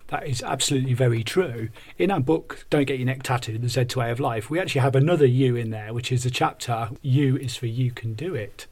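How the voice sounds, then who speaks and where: Husky man, upbeat life coach. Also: mid-range voice, a little fast, few pauses, darkish tone. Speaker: podcast co-host and workshop coach. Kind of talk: conversational podcast coaching.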